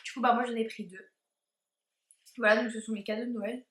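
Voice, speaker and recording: A young woman talks through her shopping haul in a loose, chatty way, stopping often for fillers. Her voice sits a little high, and the room gives it a noticeable echo. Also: fairly even intonation, brisk, a bit bright. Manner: chatty, hesitant, many fillers. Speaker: vlogger. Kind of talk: casual haul video chat. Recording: echoey room.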